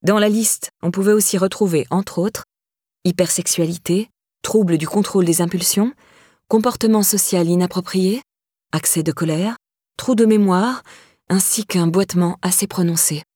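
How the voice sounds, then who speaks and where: Husky low woman reading an audiobook. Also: dry recording, studio quality. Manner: calm, measured reading. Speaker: audiobook narrator. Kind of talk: scripted narration.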